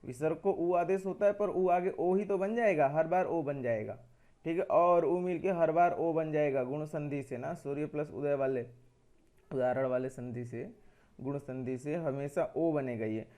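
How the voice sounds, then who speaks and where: A man's voice: fairly high pitch, normal speed, warm tone. A man teaching a grammar lesson, explaining step by step, asking questions and answering them himself, and repeating key points.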